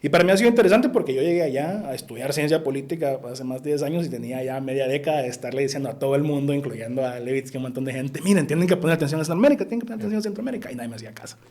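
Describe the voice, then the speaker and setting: A man's voice: medium pitch, rapid-fire, few pauses, a little mellow. A man, answering interview questions as a political scientist, thoughtful with bursts of emphasis. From El Salvador.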